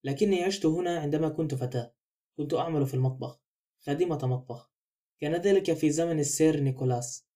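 A man's voice: a little high, fast, warm tone, natural voice. A man reading the part of a reserved, wary woman housemaid, speaking in a subdued, guarded way.

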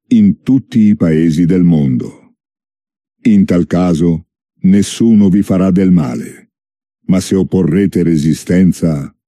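A man voicing a calm, stern prince delivering an ultimatum in a measured way. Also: low-pitched, dry recording, studio quality.

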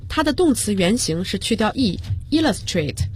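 A woman teaching business English on a radio lesson, explaining slowly and spelling words out letter by letter. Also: medium pitch, big pitch swings, a little mellow, slight background noise. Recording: broadcast studio.

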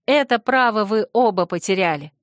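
A woman's voice: mid-range voice, expressive, moderate pace, dry recording, lightly acted. A proud young mage, a woman wounded by betrayal and defiant, throwing back short, clipped retorts, as a female narrator voices her. Her voice sits at a middling height, with dry, close sound. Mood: furious.

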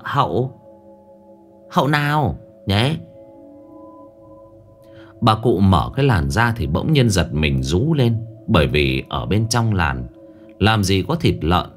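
A man with a low voice narrating a ghost story, his pitch rising and falling in a lively, dramatic way. Faint music plays underneath. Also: measured pace.

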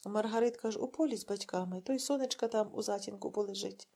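A woman voicing a caring young village woman, kindly and brisk with concern for her friend. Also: mid-range voice, warm tone, slightly rough.

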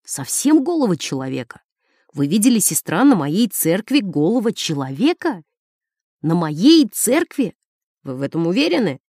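A woman's voice: on the low side, sing-song, normal speed, warm tone, no echo, studio quality. A woman voicing a flustered village priest who stammers in fear and blusters with outrage, as in an audiobook. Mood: outraged. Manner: stammering, frightened, then blustering. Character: flustered village priest, man, easily alarmed. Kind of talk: audiobook character voice.

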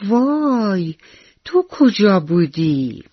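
A woman voicing an excited little mouse child with an eager, drawn-out way of talking, in a radio bedtime story. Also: mid-range voice, no echo, voice pushed up, natural voice. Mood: wondering. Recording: dull lo-fi radio recording.

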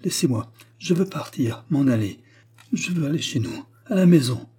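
A man's voice: medium pitch, expressive, moderate pace, dark tone, breathy edge, pitched above the performer's own voice. A man reading aloud voices a terrified young curate who speaks in a trembling, frantic way.

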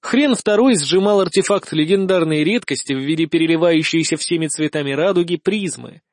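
A man narrating a first-person audiobook in a lively, ironic storytelling manner. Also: a little high, a little fast, no room sound, studio quality.

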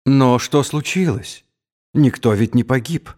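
A man voicing a calm, stern old Mongol general who speaks in a fatherly, even way. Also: medium pitch, a little slow, lightly acted.

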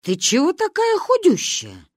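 A commanding old grandmother with a booming, gruff voice and a dry, mocking edge, put on by a woman reading a storybook aloud. Her voice leaps through a wide, lively range, and the recording is close and dry with no room sound. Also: unhurried, dry recording. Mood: gruff teasing. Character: stern booming old grandmother, sharp-tongued.

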